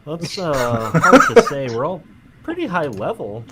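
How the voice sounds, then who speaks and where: A man playing a tabletop game, speaking his moves in a deadpan way. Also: on the high side, unhurried, heavy background noise. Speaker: player in a played clip.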